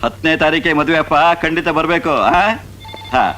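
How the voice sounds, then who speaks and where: A man's voice: on the high side, steady tone, moderate pace, pushed and bright, a little hiss or hum. An actor playing a cheerful, jovial office colleague who invites everyone to his wedding. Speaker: film character.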